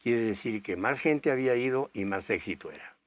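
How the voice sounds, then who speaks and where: A man's voice: medium pitch, fairly quick. An older man from Bolivia, a guest actor, telling long anecdotes in a rambling way with many fillers. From Bolivia, raised touring South America. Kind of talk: storytelling interview answers.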